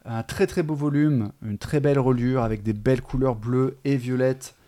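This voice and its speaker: A man co-hosts a relaxed discussion about books. He talks in a chatty, halting way, often pausing and restarting his sentences. His voice sits at an ordinary middle pitch. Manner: hesitant, many fillers and restarts, chatty. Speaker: podcast co-host. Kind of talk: casual literary discussion.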